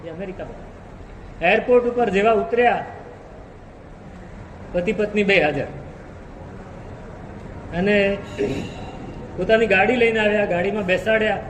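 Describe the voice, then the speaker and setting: A man's voice: high voice, a little slow, long pauses, a little hiss or hum. A man preaching a sermon, telling a story and repeating key phrases for emphasis. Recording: echoey hall reverb.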